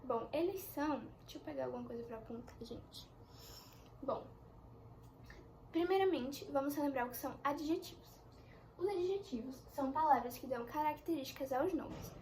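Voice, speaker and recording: A young woman teaching an English lesson in a chatty way, explaining slowly with examples. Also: high-pitched, darkish tone, slight background noise. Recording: echoey room with faint ambience.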